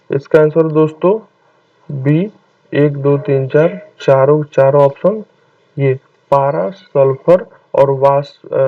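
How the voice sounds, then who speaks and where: A man's voice: a little high, dry recording. A man tutoring for an exam, reading out quiz questions and answers and saying "okay, friends" after each one. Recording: tinny, distant phone-like mic.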